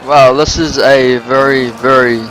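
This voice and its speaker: A man's voice: mid-range voice, steady tone, a little slow, fairly bright tone, faint music behind. A man giving casual commentary over a strategy game he is playing. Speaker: gameplay commentator. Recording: noisy, game sound behind.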